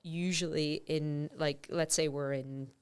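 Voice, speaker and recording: A middle-aged woman researcher appears as a podcast guest in a conversational interview, thinking things through aloud with lots of fillers and restarts. A native English speaker, she has a low, smooth, steady voice and a measured pace.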